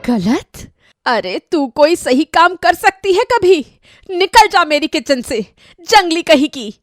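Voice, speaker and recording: Strict cartoon saas, nags and scolds, slightly high voice, measured delivery, voiced by a woman. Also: big pitch swings, no room sound, clean studio sound, soft background music. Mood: angry. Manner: sharp-tongued, scolding. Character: strict, scolding middle-aged mother-in-law. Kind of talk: cartoon voice acting.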